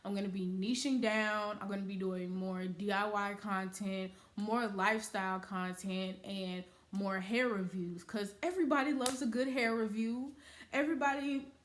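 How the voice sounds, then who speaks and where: A woman's voice: medium pitch, steady tone, moderate pace. A woman in her early twenties talking casually to her viewers in a vlog, saying "like" often. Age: early 20s. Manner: chatty, uses "y'all" and "like" often. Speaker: YouTuber.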